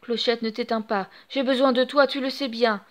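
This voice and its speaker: A cheeky, daring young boy hero from a storybook, quick to tease his enemies, as a woman voices him. The voice is high and youthful. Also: natural voice. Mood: worried. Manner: lively, defiant.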